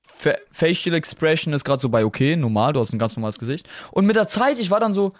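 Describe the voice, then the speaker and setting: A young man from Germany talks on his podcast in loose, excitable chat, his voice sitting a little high. He laughs a lot and peppers his talk with slang and English words. The sound is dry and close, with no room around it. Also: quick pace, dry recording. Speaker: podcast co-host. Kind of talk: casual chat.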